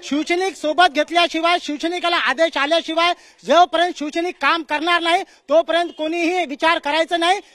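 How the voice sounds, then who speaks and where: A man's voice: very high-pitched, steady tone, fairly quick, hardly any pauses, sharp tone, no echo, clean studio sound. A man with a Marathi accent making an emphatic, repetitive rallying argument at a public debate. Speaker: party worker in a debate.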